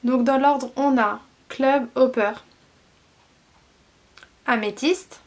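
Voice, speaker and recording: A woman's voice: high voice, extremely slow. A young woman from France chatting enthusiastically through a beauty unboxing, listing each product with frequent fillers. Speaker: beauty vlogger. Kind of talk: casual unboxing chat.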